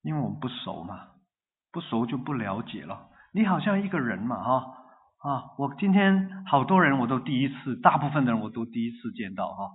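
A man's voice: medium pitch, fairly quick. Preaching man on a tinny line. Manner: lively, asks the congregation questions, repeats phrases rhythmically. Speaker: pastor. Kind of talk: sermon.

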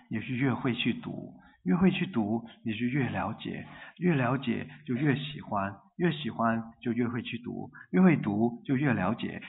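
A man preaching a sermon in a lively way, asking the congregation questions and repeating phrases in rhythm. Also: mid-range voice. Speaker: pastor. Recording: tinny phone-like line.

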